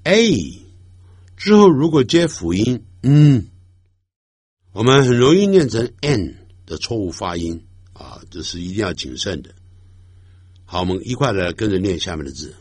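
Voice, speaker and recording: An older man teaching English pronunciation in a lesson, slowly drawing out each word he demonstrates. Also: fairly low pitch, big pitch swings, darkish tone, slightly rough, no room sound, clean studio sound. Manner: slow, drawn-out demonstrations of English words.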